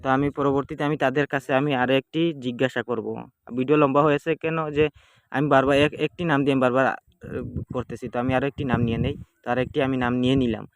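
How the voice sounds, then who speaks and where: A man, calmly explaining a folk ritual to his viewers in plain, repetitive casual speech. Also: mid-range voice, quick pace. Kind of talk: casual spoken demonstration. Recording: clearly noisy home video.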